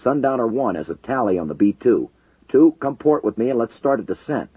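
A male narrator puts on a tense fighter pilot barking clipped radio calls. The voice is husky and swings widely in pitch. The sound is dry, tinny and phone-like. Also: very animated, brisk, no echo. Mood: businesslike. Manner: clipped radio call sign talk. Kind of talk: audiobook narration with character voices.

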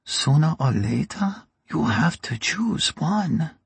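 A man voicing a dry, sly, ruthless old woman who runs a crime family, in a raspy, mocking audiobook voice. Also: a little high, big pitch swings, takes it slowly, no room sound, voice pushed up, heavily acted. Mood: probing. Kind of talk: audiobook character reading.

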